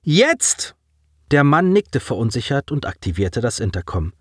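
A man's voice: medium pitch, very animated, brisk, breathy edge, no echo, studio quality. A man reading a science-fiction audiobook with dramatic narration.

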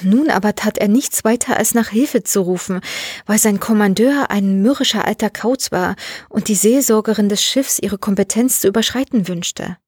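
A woman narrating a science fiction story aloud in a measured, expressive way. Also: mid-range voice, breathy edge, no room sound, studio quality. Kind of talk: scripted audiobook narration.

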